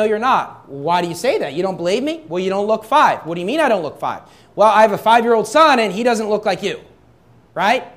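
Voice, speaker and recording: Man preaching with rhetorical questions. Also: high-pitched. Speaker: pastor. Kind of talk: sermon.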